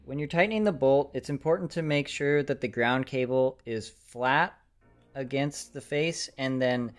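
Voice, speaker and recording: A young man in his twenties, hosting a how-to repair video indoors in his home garage, explains each step plainly to the camera. He speaks at normal speed with a medium pitch. The sound is reverberant, with soft background music.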